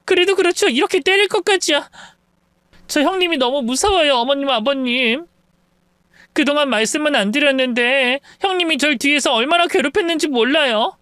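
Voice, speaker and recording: A man's voice: very high voice, animated, moderate pace, a bit bright, smooth, dry recording, studio quality, voice pushed up. A man voicing a spiteful, scheming young sister-in-law in a story read-aloud, sneering and mock-sweet. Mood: fake tearful. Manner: sneering, mock-sweet, whiny when feigning tears.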